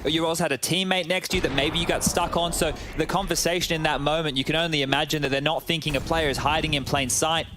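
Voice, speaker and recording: A man's voice: fairly high pitch, steady tone, quick pace, few pauses, noisy background. A man giving live esports commentary as an analyst co-caster, conversational and checking in with tag questions.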